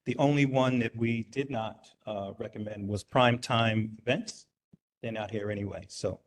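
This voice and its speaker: A man's voice: lowish voice, fairly even intonation, moderate pace. A man on a committee reporting its recommendations at a community board meeting in a brief, matter-of-fact way. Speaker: committee member.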